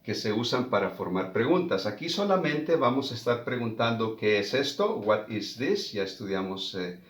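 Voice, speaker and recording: A man teaching a beginners' language lesson, slowly repeating example sentences and explaining rules. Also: medium pitch, big pitch swings, roomy sound. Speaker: English teacher. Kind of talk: slow classroom explanation.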